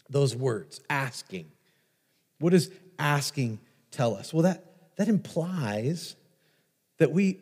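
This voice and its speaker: A pastor preaching a sermon, telling stories with lively restarts and repetitions. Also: male voice, a little high. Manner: animated storytelling with repeated restarts. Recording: long reverb of a large hall.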